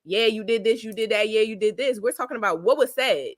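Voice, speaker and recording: A woman co-hosting a casual chat, talking in an expressive, emphatic way and acting out what people should have said. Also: a little high, quick pace. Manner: expressive, emphatic, acts out quotes. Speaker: co-host of a reality TV recap channel.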